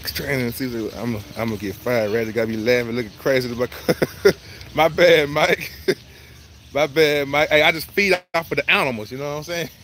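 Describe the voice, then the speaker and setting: A man vlogging live at an outdoor zoo, joking loudly in slangy banter. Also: mid-range voice, fairly quick, slight background noise. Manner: loud, joking, slangy banter with frequent laughs. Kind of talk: casual live vlog.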